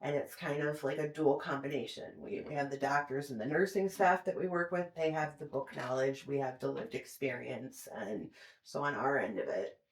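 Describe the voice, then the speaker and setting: Calm woman in an echoey room. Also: rumbling low, normal speed. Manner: calm, unbothered. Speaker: recovery coach. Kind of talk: podcast interview.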